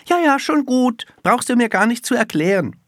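A storybook reader voicing a stubborn, earnest little girl in first grade, high and lively. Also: normal speed, no echo, clean studio sound. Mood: insistent. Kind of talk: storybook reading.

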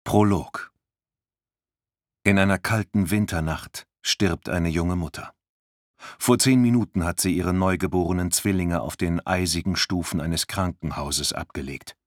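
A man narrating a thriller audiobook in a tense, measured studio reading. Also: sits low, no room sound. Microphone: close studio mic.

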